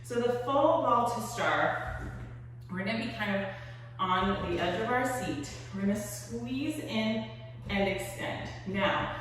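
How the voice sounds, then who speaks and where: A woman's voice: mid-range voice, animated, slow pace, a bit bright. A woman working out as she teaches, an encouraging aerobics instructor who counts reps aloud and calls out form cues. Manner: exerting while talking. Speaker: fitness coach. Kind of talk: aerobics instructor leading a seated workout. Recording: echoey hall, distant mic, noisy.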